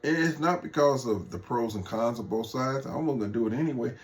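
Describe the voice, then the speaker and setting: A man sounding off in a video rant, mocking and full of swearing. His voice sits at an everyday middle pitch as he talks straight at his viewers. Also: expressive, brisk. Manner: heated, mocking and profane. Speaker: political vlogger. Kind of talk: off-the-cuff political rant.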